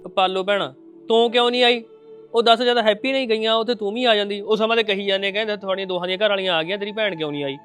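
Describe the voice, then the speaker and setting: A man playing a caring brother who gently coaxes his widowed sister in a family drama. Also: high-pitched, fairly even intonation, rapid-fire, faint music behind. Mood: coaxing. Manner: coaxing, reassuring.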